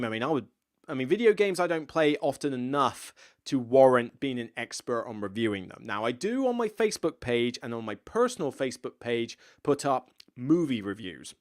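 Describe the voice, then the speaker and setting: A man in his thirties with a Somerset West Country accent chats his way through a live viewer Q&A. He rambles from point to point, pokes fun at himself and keeps wandering off into asides. His voice sits at an ordinary middle pitch for a man. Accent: West Country Somerset, slightly blurred. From West Country, England. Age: 30s. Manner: rambling, chatty, self-deprecating with frequent asides. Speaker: board game channel host. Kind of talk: casual live Q&A chat.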